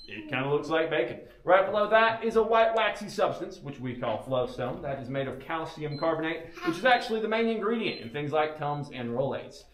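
A man's voice: fairly high pitch, animated, a little fast, hardly any pauses, fairly bright tone, distant mic. A man working as a cave tour guide, giving rehearsed talking points to a group in a casual, folksy address, with his voice echoing in a cave. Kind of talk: scripted tour talk to a walking group. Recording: echoey cave, voice away from mic.

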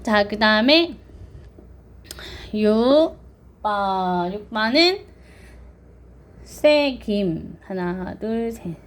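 Slow, patient woman teaching children. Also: mid-range voice, lively intonation. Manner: patient, counts strokes aloud, drills pronunciation. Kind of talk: online lesson for children.

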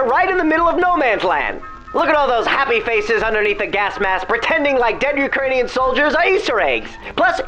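A narrator doing a mock 1940s newsreel announcer voice, with brisk, chipper delivery and deadpan dark jokes. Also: medium pitch, low-quality recording.

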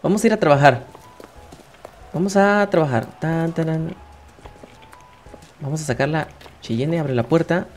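A man's voice: a little high, measured pace, pauses often, slight background noise. Playful Mexican man gaming. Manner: playful, excitable, chatting to viewers. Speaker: gaming channel host. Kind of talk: casual gameplay commentary.

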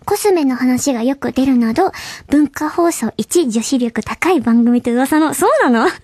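A woman's voice: high-pitched, a little slow, dark tone, slightly rough, dry recording, clean studio sound. A young woman hosting a radio show, chatting casually and reading listener mail in a bubbly, giggly way. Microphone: studio mic.

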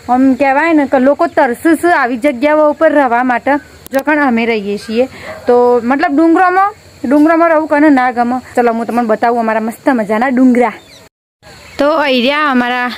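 On a village rooftop, a high-pitched woman chats casually into a handheld phone as a family vlogger. She's talkative and keeps tossing in friendly little filler words.

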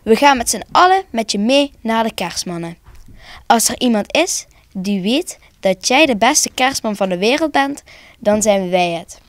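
A gentle, caring female owl from a children's Christmas story, as a woman reads her out. She sounds wise and kind, her voice lifting higher than a plain reading voice. The recording is close and dry. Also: animated, unhurried, no room sound. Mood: encouraging.

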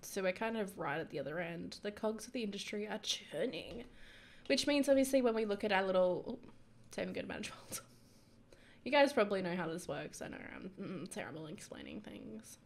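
A woman giving casual, chatty commentary over life-sim gameplay, excitable, with frequent whispered asides. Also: mid-range voice, brisk, gravelly, slight background noise. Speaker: gaming YouTuber.

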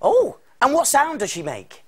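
A man's voice: extremely high pitch, huge pitch swings, measured pace, exaggerated voice. An actor in his thirties playing a friendly, enthusiastic big cook in an exaggerated children's TV presenting style. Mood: curious. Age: 30s. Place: TV studio kitchen set.

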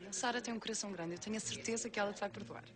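An actress playing a gentle, forgiving young bride in a television soap, tender and sincere, with a European Portuguese accent. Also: female voice, mid-range voice, very fast, lightly acted. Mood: encouraging, glad. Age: young adult. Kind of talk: television soap drama acting.

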